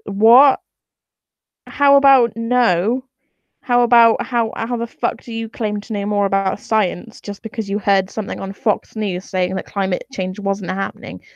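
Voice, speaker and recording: A woman's voice: medium pitch, flat delivery, moderate pace, vocal fry, hardly any pauses, no room sound, highs cut off. A woman talking to camera in an opinionated vlog, exasperated and sarcastic, swearing freely as she reads out and explains graphs. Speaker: vlogger.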